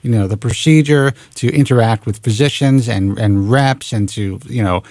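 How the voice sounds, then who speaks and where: A man in his forties hosts a talk radio show into a studio microphone, speaking frankly and with a casual curse here and there. His voice has a gravelly, creaky edge and sits in a middle pitch. The sound is close and dry, with no room echo. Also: normal speed, darkish tone. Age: 40s. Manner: frank, blunt, swears casually.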